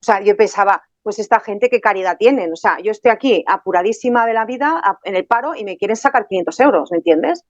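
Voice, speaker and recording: A woman's voice: mid-range voice, animated, fast talker, few pauses, dry recording. A woman giving a personal testimony, telling her story animatedly with many fillers and restarts. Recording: dull dry recording.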